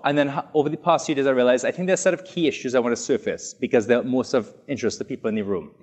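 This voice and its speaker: A man's voice: medium pitch, a little mellow. A man in his thirties from Trinidad and Tobago, giving an academic talk in a lecture room, enthusiastic with frequent ums and likes. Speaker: academic speaker.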